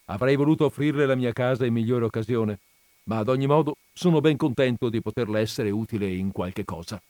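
A man's voice: mid-range voice, brisk, a little mellow, no echo, natural voice. A man voicing a feared nobleman who speaks with formal, solemn courtesy, in a dry recording.

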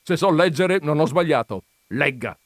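A man voicing a calm but stubborn male visitor, pressing his questions emphatically while reading a comic story. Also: fairly high pitch, measured pace, dry recording, clean studio sound, voice pushed up. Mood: triumphant.

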